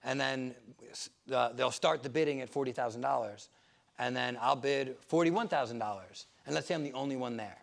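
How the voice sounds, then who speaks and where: A man's voice: medium pitch, a little fast, creaky. A man talking casually at a seminar as a real estate investor, conversational and rambling, full of fillers and restarts.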